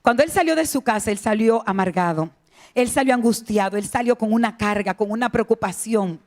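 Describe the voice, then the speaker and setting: A woman's voice: a little high, fairly quick, darkish tone. A woman preaching a sermon fervently, calling out to the congregation and acting out the people in her story. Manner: fervent, acts out quoted voices, calls out to listeners.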